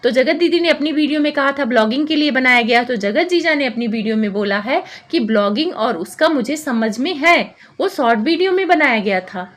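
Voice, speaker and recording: A woman vlogger rattles off gossip commentary on other people's conflicts, summarizing and judging them. Her high, slightly bright voice is animated and brisk, with hardly any pauses, and her tone is accusatory and repetitive.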